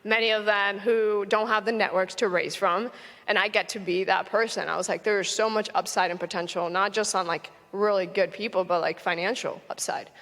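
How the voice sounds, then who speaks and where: A young adult woman from Orlando, Florida, in the United States, speaks at a medium pitch with a steady, fairly bright tone and a fairly quick pace. A venture investor, she talks earnestly and conversationally on a conference panel, with frequent "um"s and restarts. She's on a stage in a large hall, and the recording carries long hall reverb.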